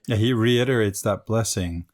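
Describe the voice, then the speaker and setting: A man with a very deep voice chimes in on a scripture podcast. He keeps his comments short and conversational and often adds a wry aside. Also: moderate pace, darkish tone. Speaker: podcast co-host. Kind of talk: casual scripture discussion.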